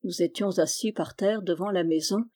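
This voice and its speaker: Mellow-voiced woman reading a novel. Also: fairly low pitch. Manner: measured, steady storytelling. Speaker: audiobook reader. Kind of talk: scripted narration of a novel.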